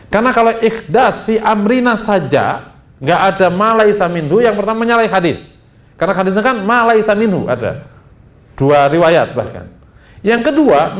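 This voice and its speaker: Animated male preacher in an echoey hall. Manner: animated, rising high for emphasis, chatty asides with laughs. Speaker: Islamic preacher. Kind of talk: religious study lecture. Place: mosque study hall. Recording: echoey room with faint background rumble.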